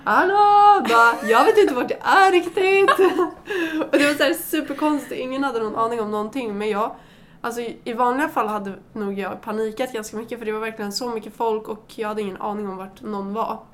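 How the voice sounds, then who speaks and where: Young woman, fairly high voice, relaxed chatty storyteller, light background noise. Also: hardly any pauses. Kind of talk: casual chat, storytelling.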